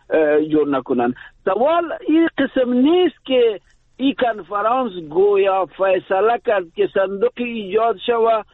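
A man's voice: high-pitched, no room sound. Man with an Afghan Dari accent on a tinny phone line. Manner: halting, many hesitations. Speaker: guest analyst. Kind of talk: radio interview answer. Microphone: phone call.

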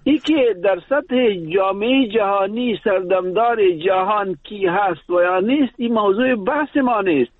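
A man with an Afghan Dari accent, a guest in a radio interview, answering in a halting way with many hesitations over a phone call. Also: sits high. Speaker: guest analyst. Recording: tinny phone line.

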